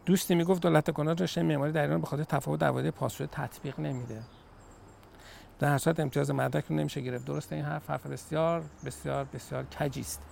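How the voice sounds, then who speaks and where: A man's voice: a little high, gravelly, slight background noise. A middle-aged man, an immigration consultant, patiently answering viewer questions with everyday analogies and frequent hesitations. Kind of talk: call-in style Q&A, explaining.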